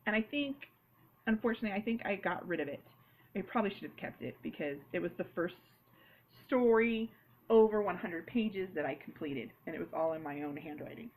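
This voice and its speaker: A woman's voice: mid-range voice, expressive, a little fast, a little mellow, poor audio. A woman author chatting casually and rambling a little as she writes, laughing at herself now and then. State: has the hiccups. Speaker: author vlogging a write-along. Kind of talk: casual chat while writing.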